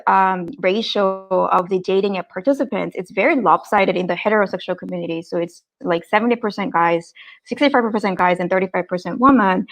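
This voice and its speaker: A woman in her thirties from Korea, answering interview questions in an upbeat, chatty way with lots of fillers and restarts. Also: mid-range voice. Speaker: guest, startup co-founder.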